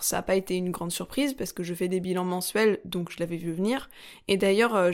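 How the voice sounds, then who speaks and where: A woman hosting a solo podcast, explaining things calmly and step by step with frequent fillers. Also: mid-range voice. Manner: calm, methodical, step-by-step teaching with frequent fillers. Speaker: podcast host.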